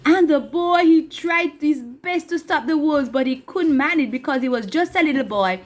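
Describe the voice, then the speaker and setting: A woman telling a children's story with a puppet, lively and asking the young audience questions. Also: sits high, moderate pace. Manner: animated, addresses children directly with questions.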